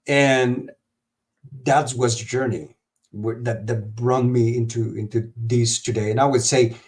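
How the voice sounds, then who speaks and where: Man, interview guest, halting delivery full of fillers, video-call mic. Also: mid-range voice, steady tone, a little mellow. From Honduras. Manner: halting, many fillers and restarts. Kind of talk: live stream interview over video call.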